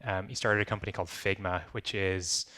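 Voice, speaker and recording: Young irish guy on a panel, really low and flat, bit bright in tone, lots of ums. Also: brisk. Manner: many "um"s, relaxed conversational. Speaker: company founder on a panel. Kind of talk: panel discussion.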